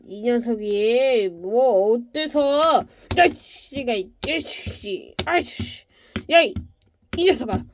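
A woman voicing every character in a comic cartoon, switching between them and breaking into shouts and mock crying. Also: on the high side, drawn-out words, background noise.

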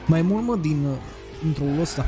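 Young male gamer, high-voiced, crude and excitable, shouting bursts, casual play-by-play on a desk mic with faint game music behind. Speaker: gaming youtuber. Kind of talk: casual gameplay commentary. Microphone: desk USB microphone.

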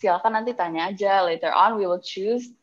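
A woman's voice: mid-range voice, quick pace. A young woman with an Indonesian accent hosts an online event casually and chattily, talking through a face mask. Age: young adult. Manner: informal, code-switching chatty delivery. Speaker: host of an online workshop. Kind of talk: casual bilingual event hosting. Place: public area, on a video call. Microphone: video call, masked mouth. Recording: dull, muffled video call audio.

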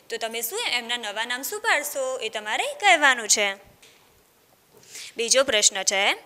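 A woman's voice: fairly high pitch, pushed and bright, long reverb tail. A woman teacher reading a story aloud to young children, stopping often to ask them questions. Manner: speaks directly to children, asking them questions.

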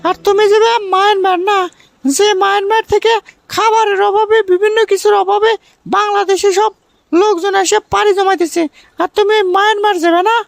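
A woman voicing a nagging, dismissive young village sweetheart in a comic cartoon, with a colloquial Bangladeshi regional accent and a creaky voice. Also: very high voice, level tone, a little fast, dry recording. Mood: annoyed, scolding. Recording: music under the voice.

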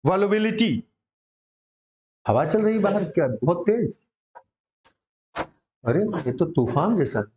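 High-voiced encouraging teacher. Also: male voice, big pitch swings, slow pace, long pauses, darkish tone. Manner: encouraging, calls students beta, repeats words for drilling. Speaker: English vocabulary teacher. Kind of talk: online coaching class. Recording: dull lo-fi sound.

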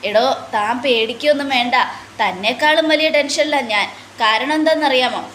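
A smug, scheming boss who talks down to his worker and waves away danger, with a woman putting him on. The pitch runs somewhat high, in an echoey room. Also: normal speed, fairly bright tone, a little hiss or hum. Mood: scheming assurance. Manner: dismissive, reassuring with contempt. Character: scheming male manager, calm and bossy.

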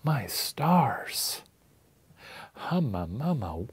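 A man voicing a woman swooning over a handsome man, in breathy asides. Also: medium pitch, sing-song, drawn-out words, no room sound, full character voice.

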